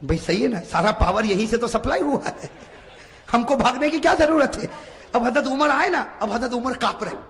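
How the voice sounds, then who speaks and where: A male preacher telling stories in a sermon, swinging dramatically between hushed asides and fervent shouts and asking the audience to repeat after him. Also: very high voice, lively intonation, slight background noise. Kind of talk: sermon storytelling. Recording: reverberant hall.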